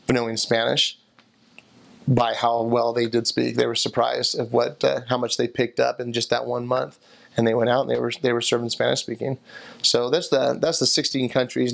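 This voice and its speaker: A man's voice: medium pitch, creaky. A man in his thirties, seated indoors, recalling past travels in a rambling interview answer full of restarts and fillers. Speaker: returned missionary interviewee. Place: indoor room by a window, seated in armchair.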